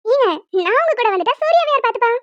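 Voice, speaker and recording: A woman's voice: extremely high pitch, expressive, very fast, no room sound. A woman voicing a teasing young woman in a cartoon who scolds her brother and dotes on the baby. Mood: earnest. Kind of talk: cartoon voice acting. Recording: dull dry lo-fi recording.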